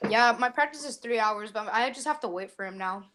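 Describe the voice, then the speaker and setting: A woman chatting as a guest on a casual hangout who trolls the others with deadpan jokes. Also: fairly high pitch, brisk.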